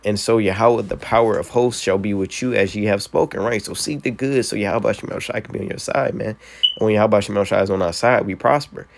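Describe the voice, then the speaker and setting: A man reading old-style Bible verses aloud and breaking them down in relaxed slang for a video, tagging lines with "man" and "so, hey". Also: on the low side, brisk, gravelly, slight background noise. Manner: reads King James verses then explains in street slang, "man" and "hey". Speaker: scripture teacher. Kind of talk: casual scripture breakdown video.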